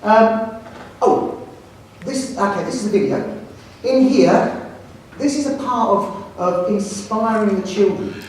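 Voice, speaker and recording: Male headteacher with a London accent, animated anecdotal speaker; distant mic in a reverberant hall. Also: high voice, takes it slowly, hardly any pauses, a little hiss or hum. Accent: London English. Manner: jokey storyteller, animated, self-mocking. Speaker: headteacher giving a talk. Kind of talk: anecdotal presentation to an audience. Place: large hall with audience.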